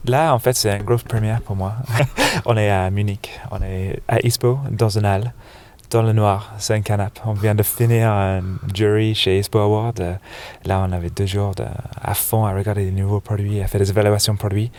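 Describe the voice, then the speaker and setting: A man from England with an English accent tinged with American, speaking as an interview guest in a relaxed, hesitant way with many fillers. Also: on the low side, normal speed, few pauses. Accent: English with a slight American touch, speaking French. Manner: hesitant, many "euh" fillers, laughs easily. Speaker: interview guest, snowboard shop buyer. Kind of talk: casual interview chat. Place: sofa in a dark exhibition hall.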